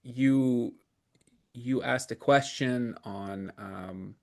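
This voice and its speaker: Male podcast co-host, mid-pitched, thoughtful and halting. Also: vocal fry. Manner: hesitant, reflective, many fillers. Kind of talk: casual chat.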